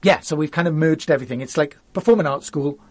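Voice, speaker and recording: Husky, chatty man with a Welsh accent. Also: fairly high pitch, dry recording. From Wales. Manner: enthusiastic, chatty, quick bursts. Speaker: youth theatre school founder, guest. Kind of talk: conversational interview.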